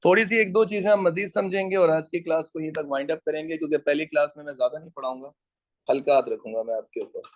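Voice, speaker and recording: A man's voice: fairly high pitch, fast, no room sound. A man teaching an economics class in a casual, joking way, drilling his students on pronunciation.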